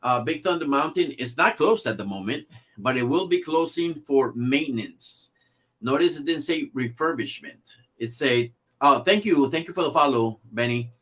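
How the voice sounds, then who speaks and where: A male livestream host chatting casually to his viewers. His voice sits at an ordinary middle pitch, and he rambles through thoughts with frequent fillers and self-corrections. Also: animated, moderate pace, a bit bright. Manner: rambling, many fillers and restarts.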